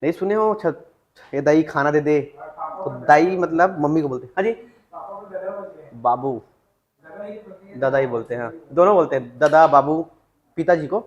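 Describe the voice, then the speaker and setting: High-voiced male teacher dictating words. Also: animated, moderate pace, pauses often, highs cut off. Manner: dictates words, repeats them, asks the class questions. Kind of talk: classroom lecture on Chhattisgarhi vocabulary. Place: classroom.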